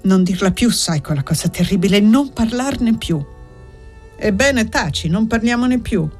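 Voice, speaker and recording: A woman's voice: mid-range voice, animated, unhurried, darkish tone, soft background music, voice pushed up, close to an everyday voice. A woman voicing an anxious, devoted young woman in an audiobook, reading plaintively and with agitation. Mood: agitated.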